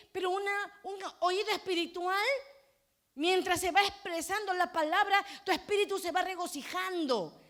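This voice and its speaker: Woman pastor, middle-aged, high voice, fervent sermon that drops to a hush. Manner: passionate preaching, swinging from hushed prayer to loud fervent cries.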